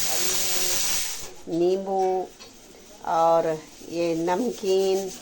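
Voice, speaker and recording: A middle-aged woman chatting casually to viewers in a home vlog from her kitchen and rooftop, loudly scolding her dog at times. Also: medium pitch, background noise. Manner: chatty, addresses viewers as friends. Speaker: vlogger.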